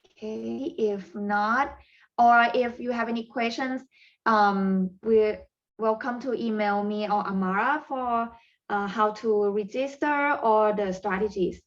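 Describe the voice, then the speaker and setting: Speaking with a Thai accent, this woman, a native Thai speaker with a somewhat high voice, leads a webinar on coaching strategies for parents. She pauses a lot, leaning on fillers and non-native phrasing, over dull audio.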